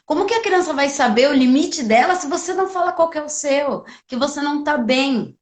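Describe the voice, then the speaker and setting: A woman, a pedagogue hosting the talk, calmly explaining parenting ideas. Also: high-pitched, brisk. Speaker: host, pedagogue. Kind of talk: educational talk. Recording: roomy echo.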